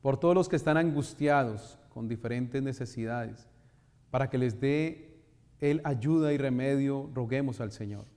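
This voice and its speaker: Inside a stone church, a male priest delivers liturgical preaching and prayer in brief, solemn, measured phrases from the altar and lectern. His medium-pitched voice has a darkish tone, and the long hall gives it a cathedral echo.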